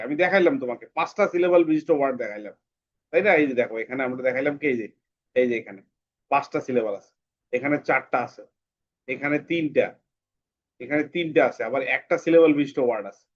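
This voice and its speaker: A male English teacher giving a class to children, patiently repeating words slowly and breaking them into syllables. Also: mid-range voice, lively intonation. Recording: dull lo-fi sound.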